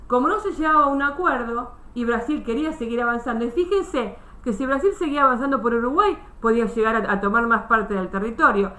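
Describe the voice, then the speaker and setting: Woman history teacher, high voice, step-by-step online class, roomy call audio. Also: lively intonation, fairly quick, hardly any pauses, sharp tone. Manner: explains step by step, many restarts, checks understanding.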